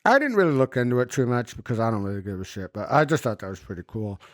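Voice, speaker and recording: Speaking through a swollen, numb lip, with dental splints and a banded jaw after surgery, a podcast host's articulation is muffled and impeded. He chats informally about a personal experience, swearing a lot, at medium pitch with big swings and a fast delivery. The recording is dry and studio quality.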